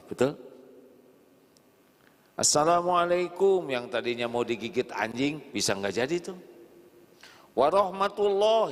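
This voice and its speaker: A man preaching a lively sermon to a live audience, playfully acting out little dialogues with big jumps in pitch. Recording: long hall reverb.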